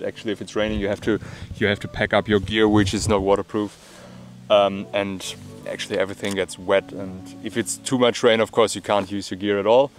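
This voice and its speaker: A man in his thirties, a time-lapse photographer, talking on location outdoors with frequent ums and restarts, the camera at arm's length. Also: medium pitch. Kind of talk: travel vlog narration and on-location talk. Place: outdoors on rocky hillside.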